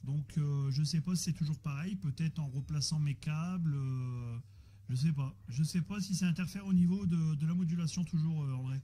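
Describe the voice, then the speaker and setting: Over noisy, static-filled amateur radio audio, a man chats casually while troubleshooting technical issues, sounding hesitant and often repeating himself. His voice is on the high side and mellow, at a moderate pace.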